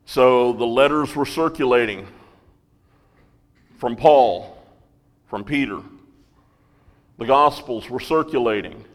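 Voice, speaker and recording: In a large hall, a man with a medium-pitched voice teaches a Bible lesson. He goes slowly and keeps checking in with the class with "right?" and "okay?".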